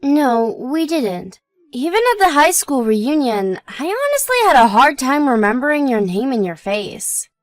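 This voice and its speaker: A woman plays a supportive young wife in a scripted domestic drama, her high voice recorded dry with no room sound. Modest and reassuring, she chats in a sing-song, somewhat slow way, her pitch swinging widely, while staying chatty and even-tempered.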